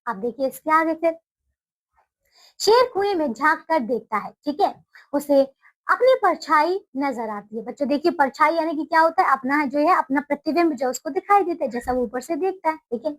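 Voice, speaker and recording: A woman's voice: high voice, animated, moderate pace, poor audio. A woman teacher retelling a storybook lesson to children, explaining words and repeating herself as she goes.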